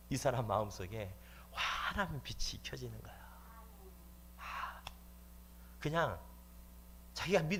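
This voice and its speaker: Animated male pastor preaching a sermon. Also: fairly high pitch. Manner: animated storytelling, emphatic exhortation. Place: church sanctuary.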